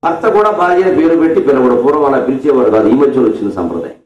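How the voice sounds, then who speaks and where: A man giving a devotional discourse on scripture. He tells the story vividly and breaks into slowly chanted verses. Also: medium pitch. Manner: animated storytelling, mixes explanation with slow chanted verse. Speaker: spiritual discourse speaker. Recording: echoey, distant, dull lo-fi sound.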